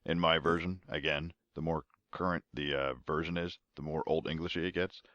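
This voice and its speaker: A man co-hosting a comedic podcast, joking sarcastically and reading scripture verses slowly with mock solemnity. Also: very deep voice, steady tone, fairly bright tone, no room sound, muffled recording.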